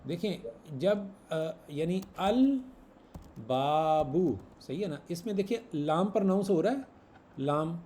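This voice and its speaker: Male teacher going over grammar, kinda high mellow voice, repeats stuff, faint hiss behind. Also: moderate pace. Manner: patient, repeats examples, quizzes students. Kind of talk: online class lesson.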